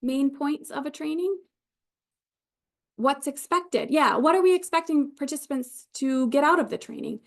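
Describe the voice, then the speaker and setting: A woman's voice: sits high, normal speed. A woman with an Upper Michigan Yooper accent leading an online training as an informal, conversational instructor who reassures her learners. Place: live online video session.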